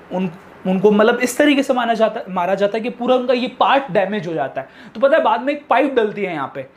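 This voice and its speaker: A man with a somewhat high voice teaches a biology class. He poses a question, answers it himself, and drops in English technical terms along the way. He says the important words slowly and repeats them so students can write them down. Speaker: science teacher.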